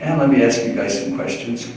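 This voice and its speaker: A man's voice: medium pitch, a little fast, darkish tone. Guy doing stage hypnotist patter, teasing the crowd, super echoey and far off mic, noisy. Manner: teasing, joking with volunteers and audience.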